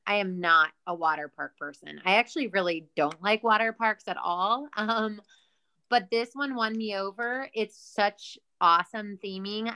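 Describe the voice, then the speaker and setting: Smooth, bright-voiced young woman. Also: mid-range voice. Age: young adult. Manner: candid, enthusiastic. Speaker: podcast guest. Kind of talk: casual chat.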